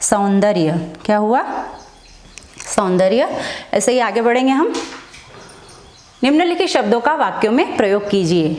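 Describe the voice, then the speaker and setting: A woman's voice: mid-range voice, expressive, measured pace, long pauses, a little mellow, reverberant. A woman teaching a Hindi lesson, asking questions and answering them herself as she goes. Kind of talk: online classroom lesson.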